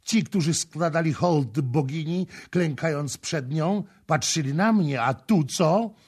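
A man voicing a jealous, proud Phoenician woman who makes shrill, demanding outbursts. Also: lively intonation, a little slow, husky. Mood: resentful. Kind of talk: audiobook character voicing.

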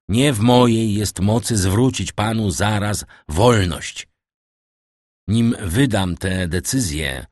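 A man's voice: low-pitched, dry recording, clean studio sound. A man voicing a tense, commanding crown prosecutor in an audiobook, stern and secretive. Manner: stern, secretive, barking orders then pleading.

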